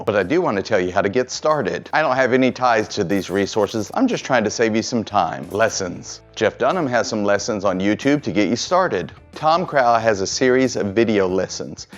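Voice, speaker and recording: A man hosting an instructional video, narrating from a script in plain, encouraging explainer style. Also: lowish voice. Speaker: host of tutorial videos for performers.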